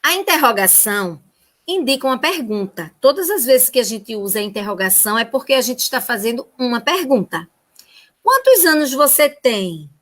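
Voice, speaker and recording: A woman's voice: on the high side, animated, fairly quick, fairly bright tone. A Brazilian woman teacher giving a remote lesson to first graders in a sing-song, child-directed way. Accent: Brazilian Portuguese.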